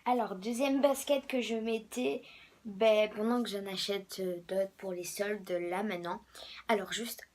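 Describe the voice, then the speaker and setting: A hoarse young woman, a bit sick, rambling casually about her sneakers with many fillers and drops to a whisper. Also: mid-range voice, steady tone, a little slow, darkish tone. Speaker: vlogger. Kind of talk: casual sneaker show-and-tell.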